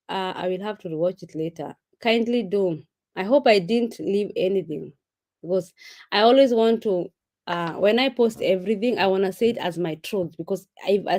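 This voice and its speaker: A woman hosts a relaxed live stream, reading viewers' comments aloud and greeting each of them by name. Her voice sits at an ordinary middle pitch, and she talks in an animated, chatty way, slipping Swahili words into her English. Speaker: vlogger reading live chat. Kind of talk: casual live-stream chat.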